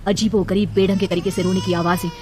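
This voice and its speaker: Fast, lower-voiced woman narrating horror. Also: level tone, background noise. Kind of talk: scripted dramatic horror story narration.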